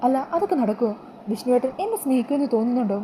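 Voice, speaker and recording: A woman's voice: a little high, big pitch swings, very fast, dark tone, a little hiss or hum. A woman voicing a heartbroken young woman who pleads through tears. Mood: shocked. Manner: sobbing, pleading questions.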